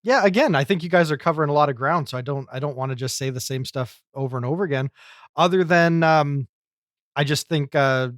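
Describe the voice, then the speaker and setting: Podcast host guy, kinda high voice, measured and thoughtful, dry room. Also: dry recording. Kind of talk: casual chat.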